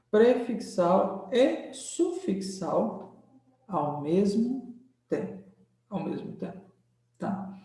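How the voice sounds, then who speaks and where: Slow-talking teacher in an echoey room. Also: male voice, high voice, mellow. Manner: drawn-out explaining, frequent "tá?" check-ins. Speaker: Portuguese grammar teacher. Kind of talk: classroom lecture. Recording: very echoey room, mic far off.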